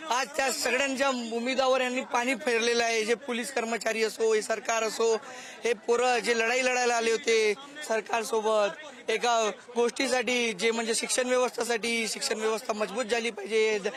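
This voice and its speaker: A man from the Nagpur region, a protester speaking emphatically and haltingly in a street interview. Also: extremely high pitch, level tone, crowd noise. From Nagpur region, India.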